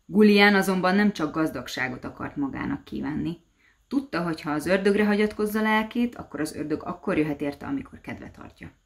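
Low-voiced woman reading a folk tale. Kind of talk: storybook reading.

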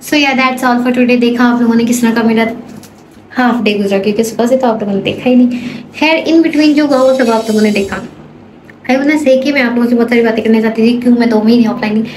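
एक बीस-पच्चीस साल की युवती जो फेस मास्क पहनकर अपने व्लॉग में दर्शकों से बातें करती है, बीच-बीच में अंग्रेज़ी शब्द मिलाती है और थकी हुई है।. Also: female voice, a little high, a little fast, darkish tone. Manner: chatty, mixes English phrases into speech. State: talking through a face mask; tired. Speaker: food vlogger. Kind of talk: casual vlog chat to viewers. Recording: noisy background.

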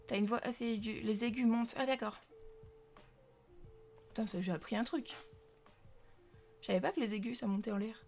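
A woman's voice: a little high, normal speed, pauses often, darkish tone, faint music behind. A young woman from France streaming live, chatting casually with viewers and greeting them with many fillers. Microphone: desk microphone.

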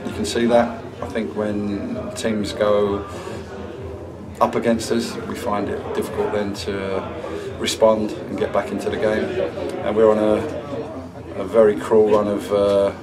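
A middle-aged man, a football manager, answering post-match questions in a measured, subdued way with many pauses. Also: fairly low pitch, flat delivery, recorded from a distance, a loud crowd, rough recording. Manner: measured, subdued, halting with fillers. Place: indoor club room, sponsor wall.

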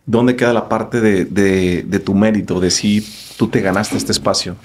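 Un hombre, presentador de podcast, que hace preguntas con calma y en tono reflexivo. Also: male voice, fairly low pitch, moderate pace. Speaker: podcast host. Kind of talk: podcast interview.

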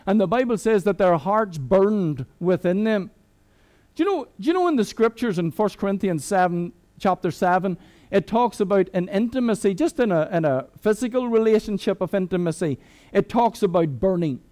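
A high-voiced Irish man in middle age preaching a sermon. He talks to the congregation like friends, mixes jokes into the message and restarts his sentences often. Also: expressive, moderate pace, darkish tone. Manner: conversational and humorous, with many restarts. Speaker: guest preacher.

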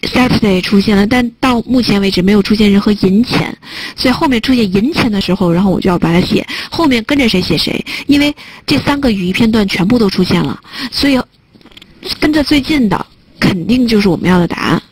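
A woman's voice: mid-range voice, lively intonation, fairly quick, a little hiss or hum, low-quality recording. A woman teaching a test prep listening class online, chatting and joking as she types notes on a whiteboard. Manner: chatty, joking aside while typing on a whiteboard.

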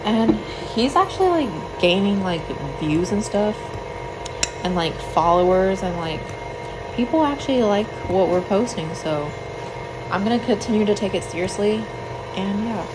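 A young woman with a mid-range voice and lively intonation talks at a measured pace while cooking at home for a vlog. She rambles with frequent "like" and "um," and the kitchen recording is noisy.

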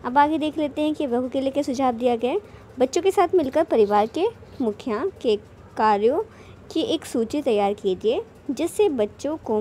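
A woman's voice: a little high, darkish tone, a little hiss or hum. A woman teaching a worksheet to young children, explaining patiently step by step, asking questions and then answering them herself, with English words mixed into her Hindi.

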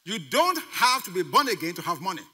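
A pastor preaches a sermon in a high, sing-song, sharp voice at a fairly quick pace. He is emphatic, repeating key phrases and quizzing the congregation with call-and-response questions.

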